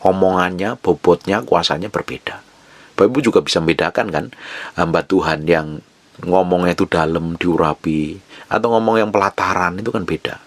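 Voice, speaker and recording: A man preaching in a very low, gravelly voice with a husky edge. He talks to his congregation in a relaxed, conversational sermon style, easing into hushed tones to show how to pray. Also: dry recording. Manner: conversational preaching, drops to a soft whisper when quoting prayers. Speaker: pastor.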